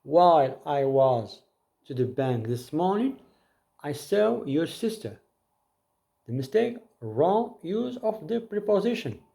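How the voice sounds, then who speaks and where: Reading example sentences aloud, this grammar teacher repeats each one in a slow, deliberate way during his English lesson. He has a fairly high pitch, a dark tone and some vocal fry.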